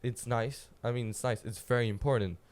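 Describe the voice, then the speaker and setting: A Polish teenage guest on a podcast, a student youth leader with a Polish accent, talks casually and searches for words, using many fillers. His voice is mid-range and brisk.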